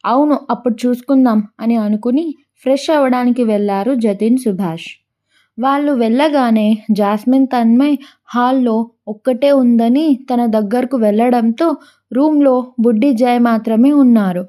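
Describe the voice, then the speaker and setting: Woman storyteller, higher-pitched and warm, reads a story and voices its characters. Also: moderate pace. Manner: voices characters' quoted lines. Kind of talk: reading a story aloud.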